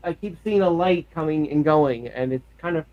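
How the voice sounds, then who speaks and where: A man's voice: on the high side, normal speed, no room sound, dull audio. A man hosting a casual chat, candid and self-deprecating as he muses aloud. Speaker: podcast host.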